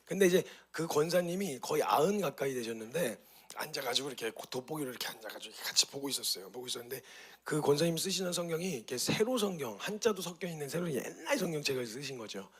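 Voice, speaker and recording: A male pastor teaching a course on Bible meditation, telling stories with lively rhetorical questions. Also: a little high, fast. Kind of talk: teaching talk.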